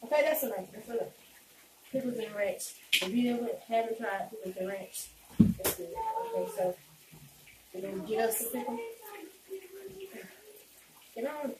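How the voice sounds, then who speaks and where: A woman's voice: a little high, normal speed, long pauses. A young woman chatting casually and playfully while eating, in a home mukbang vlog. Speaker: vlogger. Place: indoors, small home room. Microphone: phone camera a few meters away. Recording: distant, echoey, noisy phone-camera recording.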